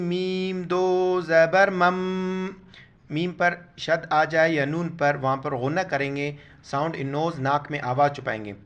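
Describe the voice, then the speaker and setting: A man teaches Quran recitation in a clear, smooth voice, pitched a little high. He spells out each letter and vowel mark, then draws out the recited words at a very slow, deliberate pace. The sound is slightly dull and lo-fi. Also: fairly bright tone. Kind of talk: word-by-word Quran recitation lesson.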